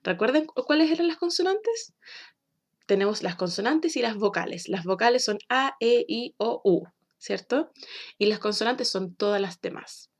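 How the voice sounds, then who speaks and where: A woman from Chile, explaining a recorded English lesson for children slowly and patiently. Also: on the high side, expressive. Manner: slow, clear, patient explaining with drawn-out example words. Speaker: English teacher.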